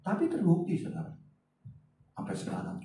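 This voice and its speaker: Pastor preaching in an echoey hall. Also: male voice, on the high side, huge pitch swings, normal speed, creaky, distant mic, a little hiss or hum. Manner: chatty, swings from loud to hushed asides. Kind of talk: sermon. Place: large church hall.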